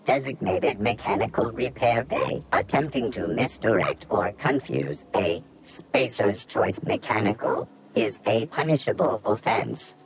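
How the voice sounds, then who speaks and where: Brief: a man as a slow, flat robot computer, clipped and emotionless, over steady game noise. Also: fairly low pitch. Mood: flat, mechanical. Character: calm malfunctioning repair robot, flat and mechanical. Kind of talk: video game voice acting.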